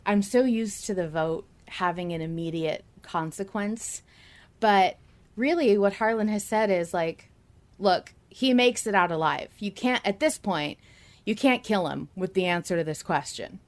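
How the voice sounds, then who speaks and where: A woman hosts a casual fan discussion podcast, commenting and reading out remarks with enthusiasm. Her voice is mid-range and her delivery a little slow.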